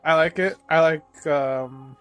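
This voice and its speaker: A man's voice: fairly high pitch, takes it slowly, a bit bright, smooth, faint music behind. A man co-hosting a podcast, chatting casually in an enthusiastic, profane, rambling way with lots of fillers. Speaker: podcast co-host. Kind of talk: casual chat.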